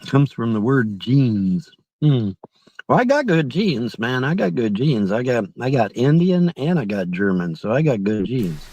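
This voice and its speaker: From the driver's area of a car, a middle-aged livestreamer reads out viewer chat and answers it, rambling and repeating phrases in a casual way. His medium-pitched voice is very animated yet a little slow and a bit mellow. The audio is dull, with no room sound.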